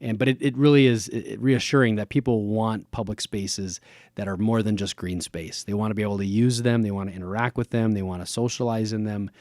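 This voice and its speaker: A man, explaining things in a measured way as an interview guest. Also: fairly low pitch, steady tone, a little mellow, no echo. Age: 30s. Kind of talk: conversational interview. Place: small wood-furnished room set up as a podcast studio. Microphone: close boom-arm studio microphone.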